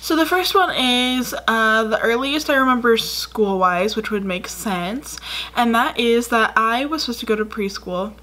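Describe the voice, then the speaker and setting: A woman's voice: on the high side, lively intonation, unhurried, pushed and bright. A woman in her twenties telling childhood stories in a chatty, rambling vlog, with lots of fillers, recorded indoors facing the camera. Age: 20s. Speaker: YouTuber. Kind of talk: casual storytelling vlog. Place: dim room indoors.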